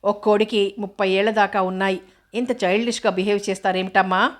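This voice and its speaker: A worried older man begs for calm in a weary, pleading tone, as a woman narrator reads him. His voice stays even and low-key, like the rest of this audiobook. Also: fairly quick, natural voice.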